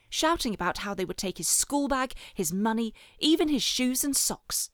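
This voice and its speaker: A woman narrating a children's audiobook in a measured storytelling manner with lively phrasing. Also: mid-range voice, no room sound, studio quality. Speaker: audiobook reader. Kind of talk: scripted narration.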